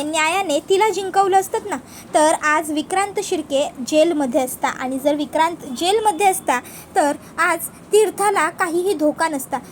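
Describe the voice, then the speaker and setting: A woman's voice: very high-pitched, slight background noise. A woman voicing a stern young female lawyer who lectures her father-in-law firmly and insistently.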